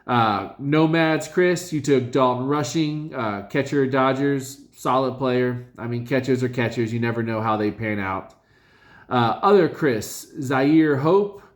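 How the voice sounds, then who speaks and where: In a medium-pitched voice, a man looks back at his fantasy league's draft picks, rambling casually and haltingly while filling gaps and correcting himself often.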